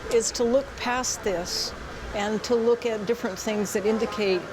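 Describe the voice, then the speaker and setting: A woman's voice: on the high side, steady tone, normal speed. A woman professor explaining her research in an interview, acting out imagined remarks to make her points. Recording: clear background ambient noise.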